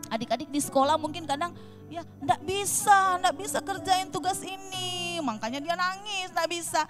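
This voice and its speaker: A woman teaching Sunday school, telling a Bible story to children in a lively way, asking them questions and acting out short lines from the story. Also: very high voice, moderate pace, music in the background. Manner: animated, addresses children directly with questions.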